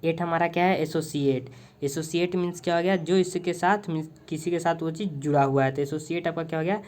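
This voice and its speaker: A man's voice: a little high, fairly even intonation, darkish tone. Man teaching vocabulary in Hindi, hesitant. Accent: Indian Hindi. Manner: repeats "ठीक है" constantly, asks and answers own questions; pauses to search for words, hesitant fillers. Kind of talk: casual Hindi vocabulary lesson. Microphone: phone on tripod with mic.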